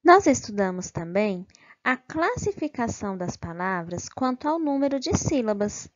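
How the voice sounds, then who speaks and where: A woman teacher giving a slow, careful grammar review lesson, stressing syllables and checking in with "ok?". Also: a little high, very animated. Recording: dull lo-fi recording.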